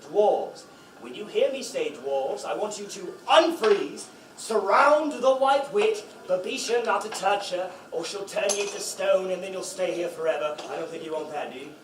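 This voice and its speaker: A man's voice: sits high, animated, normal speed, a little hiss or hum. Upbeat man coaxing audience volunteers. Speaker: actor leading audience volunteers. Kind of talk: audience participation in a children's play. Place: library event room. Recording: echoey room from far off.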